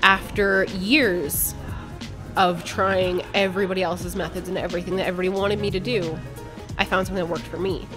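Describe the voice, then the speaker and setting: A woman's voice: lowish voice, flat delivery, fairly quick, music in the background. A woman guest on a podcast, telling a personal story in a candid, blunt way and swearing casually. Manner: candid, blunt, speaks her mind.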